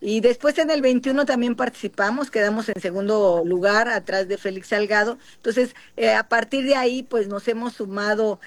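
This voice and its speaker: A woman with a Mexican accent from the Guerrero coast answers questions in a broadcast interview. She speaks in a measured way and pauses often. Her voice is dry and close, with no room echo. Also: on the high side, fairly even intonation. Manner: measured, many filler pauses. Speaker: interviewed senator and candidate.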